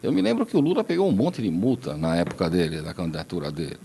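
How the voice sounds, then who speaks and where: A man's voice: low voice, wildly swooping pitch, quick pace, creaky, dark tone, slightly rough. A Brazilian man, a doctor on a podcast panel, speaking indignantly with emphatic repetitions. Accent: Brazilian Portuguese. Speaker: doctor guest commentator. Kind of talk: opinionated podcast discussion.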